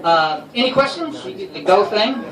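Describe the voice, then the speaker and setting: A man's voice: high voice, big pitch swings, measured pace. A man doing a rambling, profane, self-mocking stand-up set at an open mic. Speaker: stand-up comedian. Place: comedy open mic in a garage. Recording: roomy far-off live recording with crowd.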